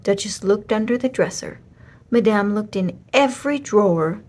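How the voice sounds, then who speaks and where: Here an expressive female storyteller narrates a children's tale at a normal pace, her pitch landing in the medium range.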